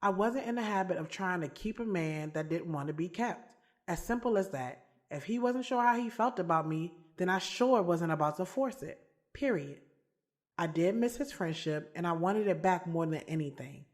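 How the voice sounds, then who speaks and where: Over background music, a woman in an audio drama plays a frank, defensive young woman who narrates her own love triangle in first person as the lead character. Her fairly low voice is expressive and natural, at normal speed, with a reflective mood.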